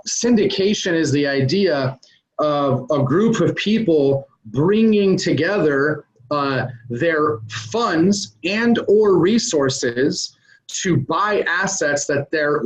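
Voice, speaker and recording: A man's voice: on the high side, expressive, slow. A man being interviewed as a real estate investor, explaining business ideas conversationally with plenty of "um" and "uh". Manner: conversational, explains step by step with many "um" and "uh" fillers. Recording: dull lo-fi recording.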